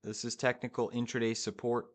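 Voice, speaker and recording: A male day trader commentates live for his viewers in a medium-pitched voice. He sounds urgent and hyped, firing off short phrases and repeating them as he urges the market along. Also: flat delivery, a little fast.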